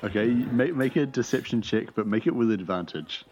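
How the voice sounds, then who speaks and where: A man's voice: medium pitch, a little mellow. A man running a tabletop game as game master, narrating with frequent restarts and hesitations. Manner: halting, many restarts. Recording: dull lo-fi mic with faint hiss.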